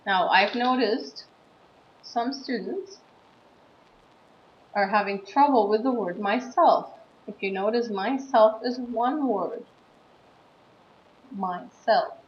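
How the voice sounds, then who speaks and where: Woman teacher in her thirties, from the USA, patient and deliberate, recorded in a roomy space with a dull, slightly muffled sound. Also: a little high. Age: 30s. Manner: slow, patient explaining with stressed words. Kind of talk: classroom writing lesson. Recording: dull, roomy recording with faint background noise.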